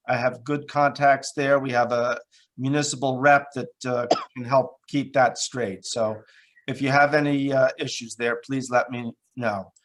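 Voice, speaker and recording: A man serving as town supervisor, chairing a board meeting over a video call in a plain, halting way with many fillers. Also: medium pitch, a bit bright.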